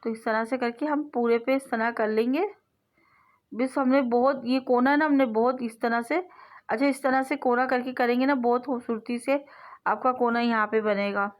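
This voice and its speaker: A patient woman from South Asia hosts a sewing tutorial as a voice-over, explaining each step in order and repeating phrases. Her voice is on the high side, with fairly even intonation and a moderate pace.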